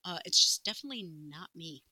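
Woman, 40s, podcast co-host; playful and giggly, very bright tone, dry close recording. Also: on the low side, expressive, no room sound, low-quality recording. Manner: giggly, playful, quick to laugh. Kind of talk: casual chat.

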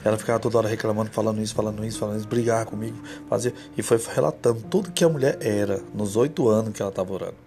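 Gravelly preacher over music. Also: male voice, lowish voice, steady tone, rapid-fire, hardly any pauses, darkish tone. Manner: storytelling, then direct exhortation to women. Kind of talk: sermon.

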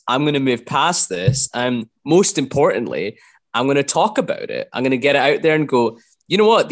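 Animated Scottish man in his thirties. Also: medium pitch. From Scotland. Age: 30s. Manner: enthusiastic, animated storytelling. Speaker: musician guest. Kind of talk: casual podcast chat.

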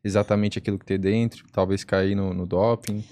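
A man's voice: sits low, little pitch movement, a little fast, dark tone. A man from Brazil co-hosting a podcast, chatting casually, thanking sponsors and cutting in with questions. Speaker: podcast co-host.

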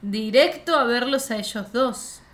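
Bright high-voiced Argentine woman chatting. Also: a little slow. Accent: Argentine Spanish. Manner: chiming in, excitable, laughing. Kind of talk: casual film chat.

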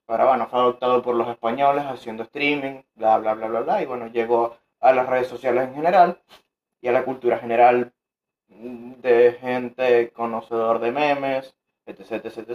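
A young man, co-hosting a casual podcast chat, joking and rambling with lots of fillers. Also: medium pitch. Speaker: podcast co-host. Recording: dull lo-fi sound.

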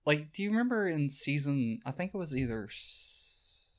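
A man's voice: on the high side, very animated, normal speed. A man co-hosting a podcast in casual chat, rambling with lots of fillers and laughing easily. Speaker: podcast co-host.

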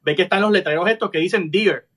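High-voiced man telling stories. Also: quick pace. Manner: animated anecdote teller, acts out quoted voices. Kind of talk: casual storytelling chat.

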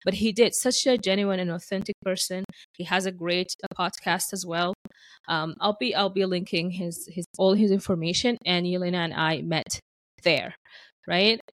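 A woman's voice: on the low side, fairly even intonation, normal speed, no room sound, rough recording. A woman from Sudan chatting casually as the host of a podcast. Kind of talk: casual chat.

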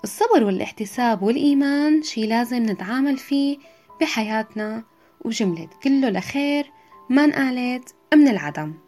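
A woman's voice: on the high side, lively intonation, fairly quick, darkish tone. A woman with a Syrian accent telling a folktale as a podcast storyteller, in a traditional once-upon-a-time manner. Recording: music behind the voice. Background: music.

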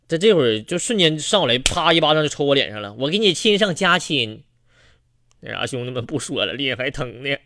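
A man's voice: medium pitch, fast talker, hardly any pauses, bright, forceful tone, no echo. A man hosting a radio joke show, telling comic anecdotes with playful stammers.

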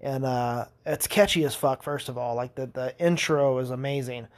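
Give me a young man talking casually on his podcast, loose and rambling, full of swearing and quick laughs. His voice sits at an ordinary middle pitch. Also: fairly even intonation. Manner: rambling, profane, laughing storyteller. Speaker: podcast host. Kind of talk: casual monologue.

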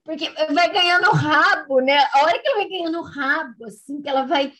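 A woman's voice: high voice, fairly quick, a bit bright, rough recording. Chatty, reflective woman host. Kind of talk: casual chat.

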